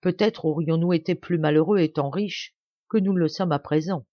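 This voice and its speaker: A woman reading a fairy tale aloud, voicing an impulsive, quarrelsome poor peasant wife in a lively, excitable way. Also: low-pitched, moderate pace, dry recording. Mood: calm. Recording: dry, slightly dull home recording.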